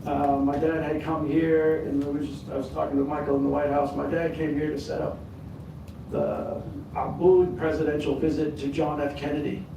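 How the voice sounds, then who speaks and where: A man's voice: fairly high pitch, flat delivery, normal speed, creaky. A man in his fifties on a conference panel, telling his personal story with self-deprecating asides and many fillers and restarts. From born in the US, raised in California, family from Sudan. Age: 50s. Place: conference hall. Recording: echoey hall, mic far off, background noise.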